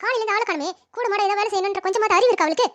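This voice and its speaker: A sharp-tongued cartoon mother-in-law who scolds her son without pause, as a voice actor plays her. Her voice sits very high and the words tumble out quickly. The cartoon drama is delivered in a dubbed studio style. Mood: scolding. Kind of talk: cartoon family drama dubbing.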